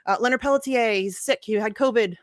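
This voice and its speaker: A young woman co-hosts a casual show, talking quickly and animatedly, with frequent laughter and plenty of swearing. Her voice sits a little high, recorded dry and close, with almost no room sound. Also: no room sound. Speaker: podcast co-host. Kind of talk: casual chat.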